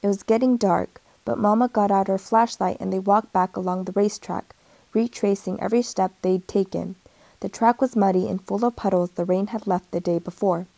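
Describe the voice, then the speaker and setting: Gentle woman reading a storybook, dry. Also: medium pitch, fairly even intonation, moderate pace, vocal fry, no room sound. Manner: gentle storytelling, lifts her voice for the characters. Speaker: storybook reader. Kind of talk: picture book read-aloud.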